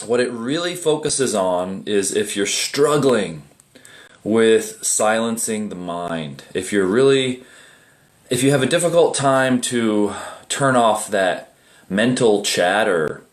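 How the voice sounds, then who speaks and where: A middle-aged man teaching meditation in a relaxed, conversational way, often asking rhetorical questions. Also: on the low side, slow. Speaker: meditation teacher and group admin. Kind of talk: casual livestream meditation talk.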